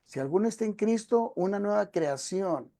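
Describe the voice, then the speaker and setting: A man's voice: sits high, lively intonation, normal speed, creaky, mellow. A male preacher giving a teaching sermon, explaining a passage step by step and often addressing the congregation directly. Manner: explanatory, addresses listeners as brothers and sisters.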